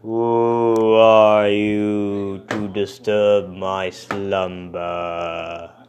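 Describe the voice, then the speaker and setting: A man playing a slow, booming tentacle monster. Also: flat delivery, darkish tone, faint music behind. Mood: menacing. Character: huge male tentacled monster with a red eye.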